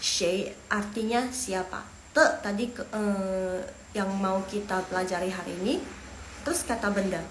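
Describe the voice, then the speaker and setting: Indonesian woman, casual online language teacher, chatty, drills pronunciation; roomy echo, faint noise. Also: medium pitch. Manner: chatty, repeats words slowly for pronunciation. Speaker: Mandarin teacher.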